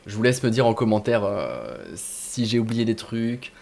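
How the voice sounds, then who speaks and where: A man's voice: fairly low pitch, big pitch swings, normal speed, gravelly, a little mellow, a little hiss or hum. A man casually walking viewers through game add-ons on screen, talking informally with many fillers and restarts. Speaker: gaming video host. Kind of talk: casual screen-share tutorial.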